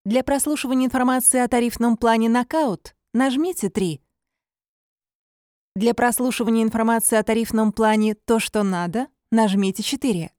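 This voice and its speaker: Woman, phone menu announcer, fairly high voice, measured scripted prompts, dry close sound. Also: a little mellow, no room sound. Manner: measured, formulaic announcing of options.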